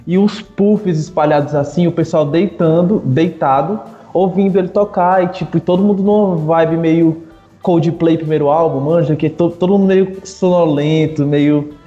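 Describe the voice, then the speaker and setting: A man co-hosting a podcast, chatting in a relaxed, slangy, enthusiastic way about live music over a call. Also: fairly high pitch, normal speed. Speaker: podcast co-host. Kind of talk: casual chat. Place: remote video call. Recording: echoey, dull home mic.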